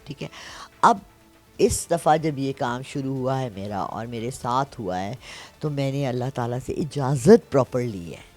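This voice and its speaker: A woman's voice: a bass voice, faint music behind. A woman in her sixties, a palm reader, telling stories in a casual interview and often checking in with her listener. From Pakistan. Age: 60s. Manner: animated storyteller, frequent "theek hai?" check-ins.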